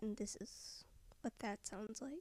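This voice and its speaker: A soft-spoken woman giving a software tutorial voice-over, often trailing off into a whisper. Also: medium pitch, steady tone, unhurried.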